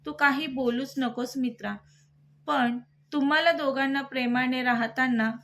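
A woman's voice: high-pitched, fairly bright tone. A woman reading the lines of a cheerful young man, the hero's best friend, who jokes and teases in a playful way. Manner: playful, joking.

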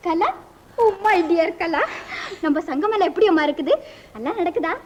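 A down-and-out, abandoned woman pleading in a plaintive, tearful voice. Her pitch is very high, and faint noise sits behind her. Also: normal speed. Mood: lamenting. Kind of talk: 1950s Tamil film acting.

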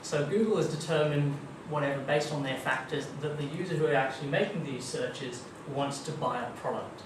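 He's a young Australian man, guest speaker at a marketing meetup, whose voice runs on the high side and a little fast. The casual tech talk is chatty and full of ums and kind-ofs. Recorded by a far room camera in a dim meeting room with a projector screen, it comes out echoey, distant, and noisy.

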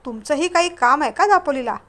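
A woman's voice: high voice, lively intonation, a little fast, fairly bright tone. A woman voicing a chatty young man. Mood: friendly. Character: friendly chatty young man on a bus trip.

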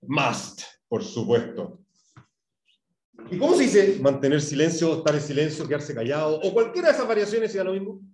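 A man's voice: fairly high pitch, big pitch swings, normal speed, a little mellow. A man with a Chilean Spanish accent teaching an English class, asking questions and drilling pronunciation. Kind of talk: classroom lesson. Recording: echoey room, mic far off.

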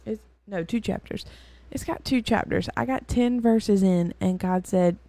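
Chatty, mellow-voiced woman teaching scripture. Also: mid-range voice, measured pace, dry recording. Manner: chatty and rambling, with many fillers and self-corrections. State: weary. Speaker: host and Bible teacher. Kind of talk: casual Bible teaching.

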